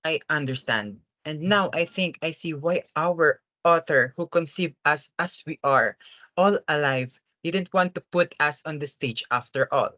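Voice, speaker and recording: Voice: medium pitch, measured pace, bright, forceful tone, dry recording. An earnest, troubled father from a stage play, as acted by a performer. He speaks formally and deferentially, hesitating and pleading. The sound is close and dry. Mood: courteous, troubled. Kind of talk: dramatic stage-play reading.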